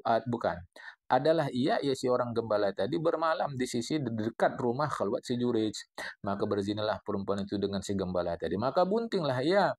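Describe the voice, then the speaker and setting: A man with a Medan Malay accent teaching a classical religious text, explaining it in a lively, digressive way with playful wordplay. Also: on the high side, vocal fry. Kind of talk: classical Islamic text study lesson.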